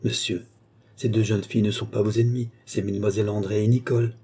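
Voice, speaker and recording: A man's voice: lowish voice, flat delivery, fast talker, mellow, slightly rough. A man voicing a frightened young man in an audiobook, pleading and protesting his innocence. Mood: earnest. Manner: pleading, stammering.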